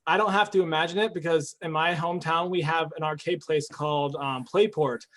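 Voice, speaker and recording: A man in his early thirties chats in a friendly, easygoing manner during a casual conversation. His voice sits a little higher than average. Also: fairly even intonation, fairly quick, a bit bright. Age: 30s. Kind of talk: casual chat.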